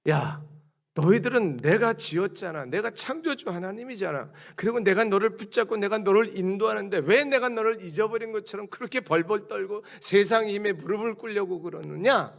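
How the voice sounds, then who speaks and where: A man's voice: high-pitched, brisk, vocal fry, voice pushed up. A man voicing God as an insistent, pleading father figure, speaking to his people in plain casual words. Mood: pleading insistence.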